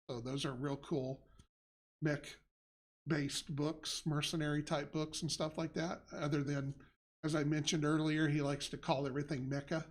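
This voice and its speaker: A middle-aged man with a slightly raised pitch hosts a relaxed live show. He rambles through his answers, circling back with restarts and fillers as he explains game design and chats about what he's been watching. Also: breathy edge. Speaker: game company head and show host. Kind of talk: casual livestream chat.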